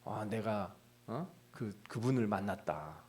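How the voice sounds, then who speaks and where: A man's voice: lowish voice, animated, takes it slowly, a little mellow. A male pastor giving a Bible exposition sermon in a conversational way, asking the congregation questions and acting out people's prayers and thoughts. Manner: acts out prayers and inner thoughts in quoted voices.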